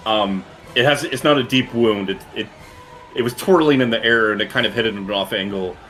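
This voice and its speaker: A man narrating a tabletop game as game master, telling the story in a halting, descriptive way. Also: lowish voice, fairly bright tone. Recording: faint music behind. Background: music.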